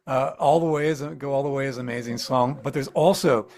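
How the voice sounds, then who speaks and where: A man's voice: medium pitch, steady tone, fast, a little mellow. A singer-songwriter and music professor, a man, talking casually in an interview and acting out his own thoughts in quotes. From central Ohio.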